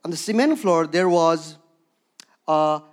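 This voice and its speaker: Speaking slowly, a man from Darjeeling, India, with Bhutanese roots preaches in a higher voice and a Himalayan accent. His sermon leans on personal stories, and his conversational manner includes frequent "okay?" check-ins with the listeners.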